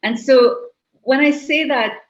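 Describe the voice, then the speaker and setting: Slow and high-voiced, a middle-aged Trinidadian woman reflects as an interview guest, often restarting what she says. The recording comes across slightly muffled.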